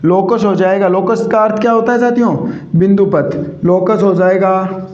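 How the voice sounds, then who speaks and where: A man's voice: high voice, steady tone, normal speed, a little mellow. A male teacher giving a grammar lesson, constantly asking questions and repeating the answers. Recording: echoey room, dull lo-fi sound.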